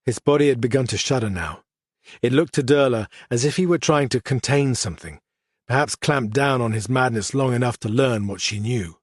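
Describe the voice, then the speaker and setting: Man narrating a fantasy audiobook, measured and even, mid pitch, dry close mic. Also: husky, dry recording. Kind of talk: scripted narration.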